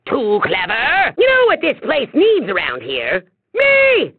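Through a thin, narrow-band sound comes a scheming little video game emperor, shrill and gravelly. He is pompous and vain, stretching words theatrically and leaping wildly up and down in pitch. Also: huge pitch swings, slow, no echo, exaggerated voice. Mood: scheming, sardonic. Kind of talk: video game villain voice acting.

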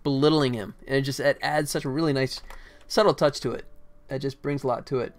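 In a small room at his computer, a forties-aged man builds a game and keeps up casual commentary for a live stream. He talks briskly in a medium pitch with a steady tone, while faint music and typing sound behind him.

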